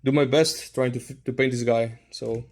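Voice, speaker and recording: A man's voice: mid-range voice, steady tone, moderate pace, a little mellow. A man chatting casually to viewers as the host of a hobby vlog. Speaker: hobbyist host of figure customizing videos.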